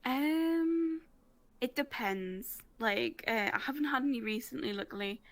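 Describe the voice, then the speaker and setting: A drunk woman from northeast England with a Northeast English accent. She tells a story in rushed, chatty speech and swears a lot. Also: high voice, animated, dry recording. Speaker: storyteller guest. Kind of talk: casual chat in a virtual world.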